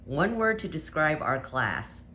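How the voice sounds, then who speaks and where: Student reading interview questions, animated pitch, light background noise. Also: unhurried.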